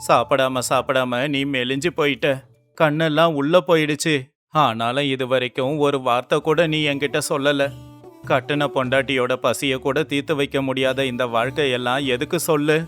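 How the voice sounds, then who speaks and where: A man's voice: mid-range voice, steady tone, normal speed, fairly bright tone, natural voice. A man voicing a poor village laborer husband in a storybook cartoon, pleading and full of self-reproach, with faint music underneath. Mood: despairing. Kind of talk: storybook character voice.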